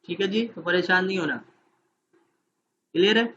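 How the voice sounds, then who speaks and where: A man's voice: sits high, sharp tone, lo-fi sound, a little hiss or hum. A man training teachers in an online class, explaining steps patiently and often checking that his listeners follow.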